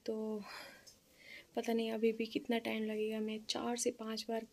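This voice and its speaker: Soft, slow young woman vlogging. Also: on the high side, completely flat delivery, gravelly. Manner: soft-spoken, slow and subdued. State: tired and sleepy. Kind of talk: casual vlog chat.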